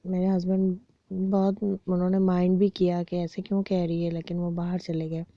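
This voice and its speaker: A woman from Pakistan, giving a soft, reflective personal testimony and pausing often with fillers. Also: fairly low pitch, completely flat delivery, no echo, dull audio. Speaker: cancer survivor sharing her story.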